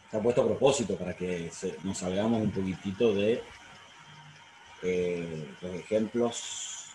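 Profesor argentino de mediana edad, clase por videollamada, algo de ruido de fondo. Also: male voice, low voice, unhurried, dark tone. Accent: Argentine Spanish. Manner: explanatory, frequent fillers and self-corrections. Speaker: law professor. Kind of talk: online university lecture. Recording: roomy sound, faint noise.

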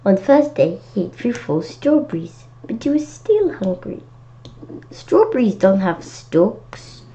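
A woman with a medium-pitched, warm voice reads a children's storybook slowly and with lots of animation, dropping in simple, chatty, childlike remarks along the way. It's a dull, lo-fi home recording with noticeable noise.

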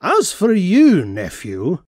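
A cantankerous old male cartoon duck, a miser who scolds everyone. The voice swings wildly in pitch, with drawn-out, bossy delivery and a dry, close sound. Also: wildly swooping pitch, a little mellow, dry recording, exaggerated voice. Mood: sardonic. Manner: gruff, scolding, insulting. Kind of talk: amateur comic dub acting.

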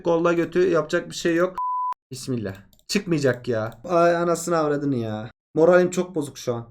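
A man giving casual commentary on a mobile game, talking straight to viewers, excitable and cursing freely at bad luck. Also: sits high.

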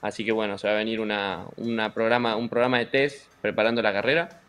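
A man with an Argentine accent, a racing driver being interviewed, talking in a relaxed, joking way with many fillers and restarts. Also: lowish voice, fast. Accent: Argentine Spanish. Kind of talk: casual interview chat.

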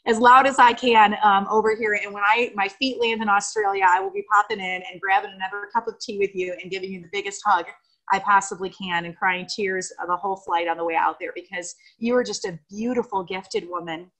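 A woman's voice: medium pitch, steady tone, fairly quick, a bit bright, rough recording. An American woman on a video call giving an emotional, gushing tribute to a friend, rambling with fillers. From United States. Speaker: guest speaker on video call. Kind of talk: heartfelt tribute speech.

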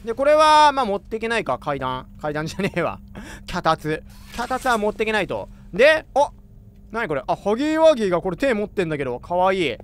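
A man doing chatty, excitable commentary while playing a horror game, reacting aloud with jumpy exclamations. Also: high-pitched, fairly quick, clear, resonant tone. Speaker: gamer. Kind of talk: let's play commentary.

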